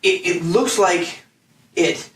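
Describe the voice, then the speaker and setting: A man narrating a tabletop game as game master, describing scenes in halting, rambling phrases with many restarts. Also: high-pitched, fairly bright tone, far from the mic. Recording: echoey room, off mic.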